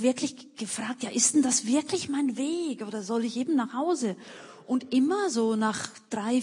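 A woman's voice: a little high, a little mellow, breathy edge, in a large hall. A woman being interviewed, telling her own story earnestly with many restarts. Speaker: missionary and author, interview guest.

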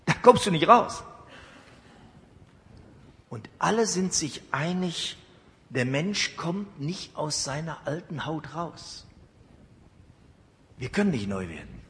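A man's voice: fairly high pitch, a bit bright, a little hiss or hum. A man preaching a sermon, emphatic, with rhetorical asides to the congregation. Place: church. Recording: long church reverb.

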